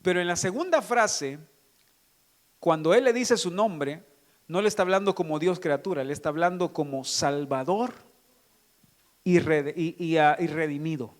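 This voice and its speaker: A pastor preaching a sermon, reading scripture and asking the congregation questions. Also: male voice, on the high side, normal speed.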